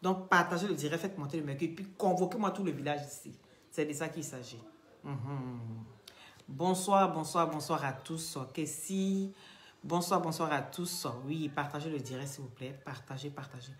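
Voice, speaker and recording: Low-voiced woman, gossip live-streamer, keeps repeating herself, echoey room. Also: normal speed. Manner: animated, calls out viewers, repeats phrases. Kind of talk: Facebook live gossip commentary.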